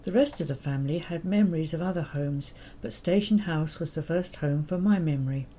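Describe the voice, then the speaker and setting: An older woman, reading her childhood memoir in a gentle, wry manner. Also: sits low, fairly quick. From England. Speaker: memoir narrator.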